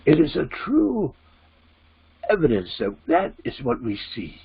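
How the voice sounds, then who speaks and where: A man voicing a channeled spirit teacher, giving solemn, gentle guidance in halting, deliberate, formal phrases with a husky, creaky voice. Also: a little high, huge pitch swings, exaggerated voice. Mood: solemn, instructive. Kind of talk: slow trance-channeled spiritual address. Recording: dull, lo-fi sound.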